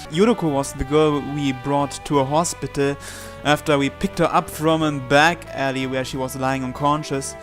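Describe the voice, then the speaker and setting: A man hosts a playthrough of a visual novel, reading the story aloud with expression and tossing in casual commentary. His voice sits on the high side with a fairly bright tone.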